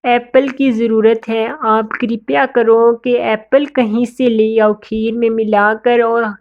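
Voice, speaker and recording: Gentle cartoon sparrow girl, a woman voicing her, soft and polite, slow, dull recording. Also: on the high side, little pitch movement. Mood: plaintive. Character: sweet clever female cartoon sparrow.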